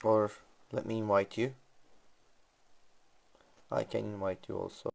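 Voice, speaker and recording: A Turkish-accented man hosts an online teacher talk series, running a casual live interview over a video call stream. His low, fairly even, slightly slow voice is creaky and a bit mellow, politely repeating thanks, and the live-stream audio is dull and lo-fi.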